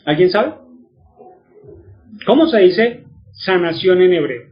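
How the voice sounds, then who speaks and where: High-voiced man teaching, quizzing his listeners. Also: animated, takes it slowly, muffled recording. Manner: asks the audience questions and answers them himself. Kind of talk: religious teaching.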